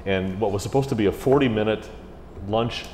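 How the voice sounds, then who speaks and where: A middle-aged man, a music director in an interview, telling stories in a chatty, animated way. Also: fairly low pitch, brisk. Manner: chatty, animated, slips into mimicked voices. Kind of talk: casual interview storytelling. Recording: roomy hall echo with faint ambient hiss.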